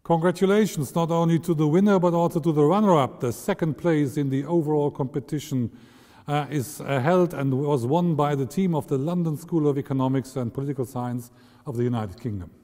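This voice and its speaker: An older man with a German accent reads an award announcement in a steady, formal way. His tone is dark and warm, and the room adds a long echo. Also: on the high side, brisk. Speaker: award presenter. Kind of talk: formal speech to camera. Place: office with banner, indoors. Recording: long hall reverb.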